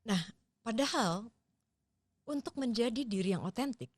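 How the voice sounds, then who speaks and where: A woman's voice: on the high side, expressive, moderate pace, slightly rough, dry recording. A woman speaking as a podcast guest, thoughtfully explaining ideas step by step with everyday examples. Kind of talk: explanatory casual conversation.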